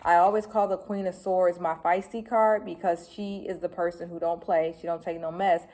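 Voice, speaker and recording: A woman doing a casual tarot reading, talking fast, chatty and blunt with slang. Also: lowish voice, steady tone, warm tone. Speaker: tarot reader.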